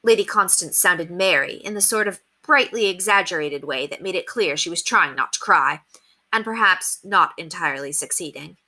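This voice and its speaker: A woman reads a children's book aloud as an expressive storyteller, her voice on the low side at a moderate pace.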